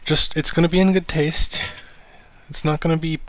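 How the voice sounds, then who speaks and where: A man hosting a casual livestream chat, rambling and self-deprecating, swearing offhandedly in a low-key, fairly monotone way. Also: normal speed. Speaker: livestream host.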